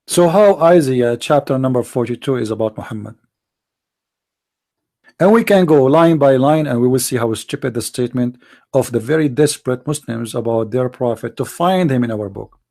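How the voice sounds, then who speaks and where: A man's voice: medium pitch, animated, moderate pace, dark tone. A man hosting a call-in religious debate show, firing off combative rhetorical questions in non-native English. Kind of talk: live-stream religious debate talk.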